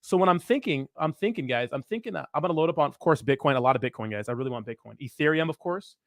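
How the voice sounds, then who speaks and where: A man's voice: a little high, expressive, quick pace, no echo, clean studio sound. A man hosting a casual livestream, talking with hyped frat-bro slang and swagger. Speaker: crypto livestream host.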